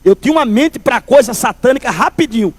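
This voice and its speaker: A man giving a preached personal testimony to a church congregation, telling his story with lively storytelling and calling the listeners "brother". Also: extremely high pitch, fairly quick, dry recording.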